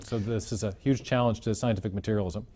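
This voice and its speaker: A man's voice: on the low side, fairly even intonation, mellow. Man explaining science with many restarts. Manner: measured, explains step by step with frequent restarts. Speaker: guest, philosopher of science. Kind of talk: explanatory interview answers.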